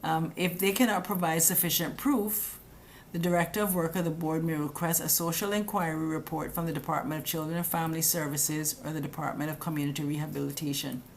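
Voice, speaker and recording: Speaking a little fast in a low, fairly even voice, a woman runs a casual live-stream explainer on immigration rules, responding to comments. She's blunt, chatty and scolding, calls viewers guys, and her webcam or phone mic picks up slight background noise.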